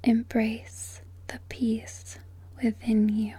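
Woman, breathy whisper, very slow and flat, soothing repetitive sleep-hypnosis read. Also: a little high, no room sound.

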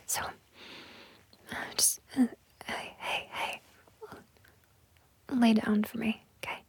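In this whispered intimate roleplay, her fairly high voice stays level as she coaxes slowly and possessively, breathy and full of gentle repetitions. The recording is dry.

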